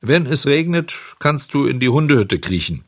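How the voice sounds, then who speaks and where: A man's voice: mid-range voice, sing-song, a little slow, a bit bright, dry recording, studio quality, pitched above the performer's own voice, heavily acted. A man voicing an angry, stern farmer in a storybook reading, harsh and threatening. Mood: scolding.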